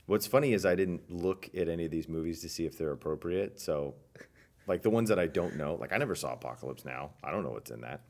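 Man, very low voice, casual church podcast host, playful quizmaster, reads quotes slowly. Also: darkish tone. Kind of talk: casual chat.

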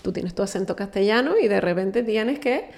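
Woman host interviewing, bit of vocal fry, fumbles for the words, casual. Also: medium pitch, brisk, a little mellow. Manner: searching for words, repeats herself.

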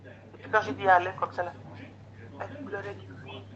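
A man's voice: sits high, normal speed. A man casually telling a long story, animatedly retelling conversations and quoting what people said to him. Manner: animated retelling of conversations with many quoted exchanges. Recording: dull lo-fi recording.

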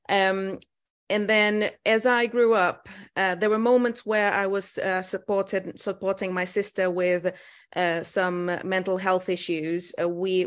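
A middle-aged woman from Portugal with a Portuguese accent, talking as a guest on a casual interview podcast, thoughtful and pausing often with fillers and restarts. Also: fairly low pitch.

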